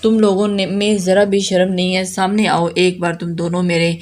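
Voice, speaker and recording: A man's voice: high-pitched, level tone, lightly acted. Woman reading a furious older brother. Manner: angry, scolding. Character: angry older brother, shouting, domineering man.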